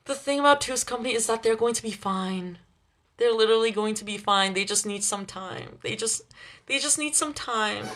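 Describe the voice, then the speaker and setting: A young woman hosting a livestream, chatting casually with viewers, laughing often between quick asides. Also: a little high, fairly bright tone. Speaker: livestream host reading chat. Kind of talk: casual live chat with viewers.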